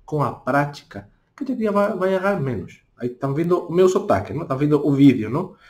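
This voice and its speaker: A man speaking with a Spanish accent, a native Spanish speaker who gives a casual spoken lesson, talking slowly and tagging his points with little questions. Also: on the high side, lively intonation, darkish tone. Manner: talks deliberately slowly, tags questions with "não?". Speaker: language teacher.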